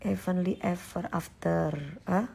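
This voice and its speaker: Gravelly-voiced woman chatting on a live stream. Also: on the low side, little pitch movement, slow pace, a little mellow. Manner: chatty, emphatic, answers comments directly. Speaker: live-stream host reading viewer comments. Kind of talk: casual live-stream chat.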